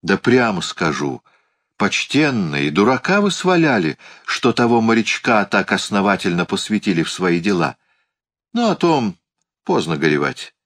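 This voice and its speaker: A man voicing a bold, mocking Highland swordsman in an audiobook, blunt and scornful as he bargains. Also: very animated, normal speed, fairly bright tone, exaggerated voice. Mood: bullying. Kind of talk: audiobook character reading.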